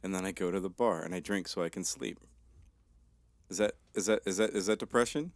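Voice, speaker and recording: A man in his thirties with a rough, tired-sounding voice, chatting as a podcast co-host in a laid-back, joking way. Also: deep voice, a little fast, dry recording, studio quality. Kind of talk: casual chat.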